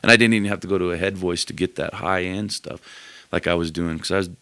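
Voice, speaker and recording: A man with a very low, gravelly voice talks in a relaxed, rambling way. He sounds like a musician guest on a podcast. The sound is dry and close, with no room around it. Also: fast talker, dry recording. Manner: relaxed, rambling, full of fillers. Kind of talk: casual interview chat.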